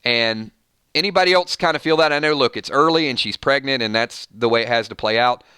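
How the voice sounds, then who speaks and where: A man hosting a live fan reaction stream, his voice bright and crisp. He talks excitedly and rambles, often restarting his sentences. The sound is dry and close. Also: medium pitch, brisk, no room sound. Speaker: channel host.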